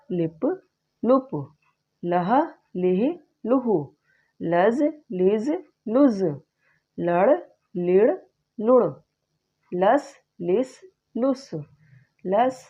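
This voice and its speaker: A woman teaching Urdu reading, slowly sounding out and patiently repeating each syllable. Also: mid-range voice, lively intonation, warm tone. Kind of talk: slow spelled-out reading lesson. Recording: slightly dull lo-fi sound.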